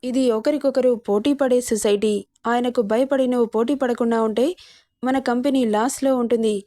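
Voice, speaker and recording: A brisk, persuasive young man, as a woman narrator puts him on, talking business with friendly push. The voice stays fairly high, and the recording is dry. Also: steady tone, mellow, no echo, close to an everyday voice. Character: friendly male cousin and business partner.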